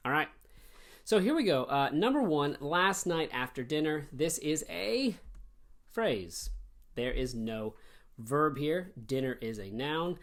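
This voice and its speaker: Guy teaching english grammar online, voice jumps up and down a lot, walks through it step by step. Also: medium pitch. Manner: animated, explains step by step.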